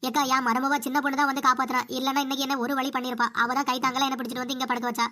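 A woman's voice: high-pitched, little pitch movement, rapid-fire, bright, forceful tone. A woman voicing an older cartoon mother-in-law who complains and whines, with a Kanyakumari Tamil accent. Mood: complaining. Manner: complaining, whiny.

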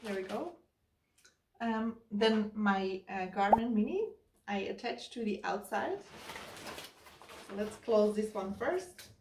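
Speaking slowly with frequent pauses, this woman in her thirties has a medium-pitched voice and explains step by step, in a casual way, how she loads her hiking pack while working with the gear. She's a hiking vlogger filming indoors in a living room. The audio is very noisy and roomy, picked up by a camera mic from across the room, so it sounds a bit distant.

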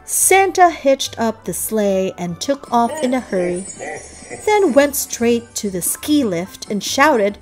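Here a woman narrates a children's storybook, delivering the verse expressively at an unhurried pace. Her pitch is lively, and music runs beneath the scripted read-aloud.

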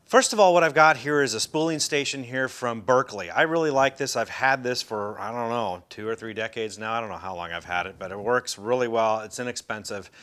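With a mid-range, slightly bright and clean voice, a middle-aged fishing instructor walks through a how-to from a chair in an indoor room. His delivery is casual and folksy, loose with fillers and restarts.

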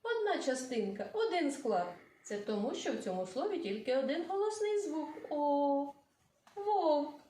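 A woman teacher giving a children's lesson, slowly drawing words out syllable by syllable in a sing-song way. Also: high-pitched, very animated, dark tone, recorded from a distance. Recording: echoey room, voice off-mic with faint noise.

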